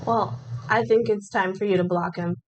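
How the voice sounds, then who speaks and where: A woman's voice: mid-range voice, steady tone, normal speed, low-quality recording. A woman explaining findings in a plain, informative way. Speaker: scam investigator. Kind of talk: explanatory conversation.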